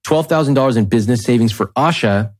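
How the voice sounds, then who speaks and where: A man's voice: medium pitch, fast talker, no room sound, clean studio sound. A man hosting a podcast as a financial coach, speaking informally and directly, with emphatic conversational delivery. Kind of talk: conversational coaching and host-read ads.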